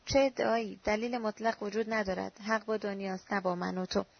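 A woman's voice: mid-range voice, little pitch movement, creaky. Woman reading as a weary, resigned young woman. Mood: doubtful. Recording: dull lo-fi recording.

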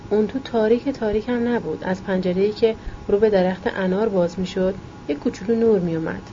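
A woman narrating a novel aloud in a calm, even storytelling voice. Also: medium pitch, muffled recording, a little hiss or hum. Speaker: audiobook narrator.

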